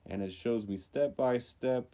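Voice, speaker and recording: A young man from Louisiana co-hosting a podcast, telling stories in casual chat and jumping up in pitch for emphasis. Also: measured pace. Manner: animated storytelling, jumps up in pitch for emphasis. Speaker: podcast co-host.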